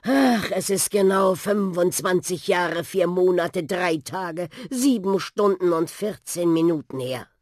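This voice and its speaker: A soft-hearted old talking bus from a storybook, put on by a woman narrator. He speaks in slow, sighing phrases with a breathy tone and a lively, swooping pitch. The recording is close and dry. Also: dry recording. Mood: wistful. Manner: wistful, sighing.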